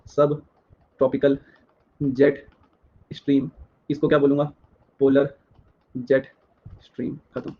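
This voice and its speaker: A man's voice: mid-range voice, completely flat delivery, dull audio, a little hiss or hum. A young man teaching a live exam-prep geography class, firing questions at students and repeating each answer several times. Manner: drills questions, repeats answers rapidly, addresses students directly.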